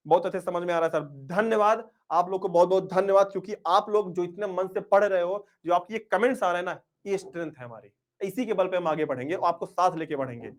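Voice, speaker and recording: A male teacher giving an energetic online class and cheering his students on. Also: high voice. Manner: energetic, rousing, mixes in English words.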